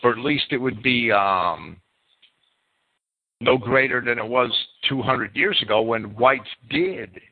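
The narrow, phone-like radio audio captures a man hosting a call-in show, mixing a spontaneous monologue with caller chat in an emphatic, off-the-cuff, repetitive style. His mid-range voice has lively intonation and a measured pace.

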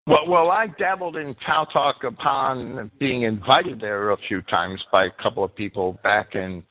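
A man's voice: medium pitch, normal speed. A man hosting a call-in show, speaking off the cuff in an emphatic, repetitive way. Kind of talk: spontaneous monologue and chat with callers. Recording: narrow phone-like radio sound.

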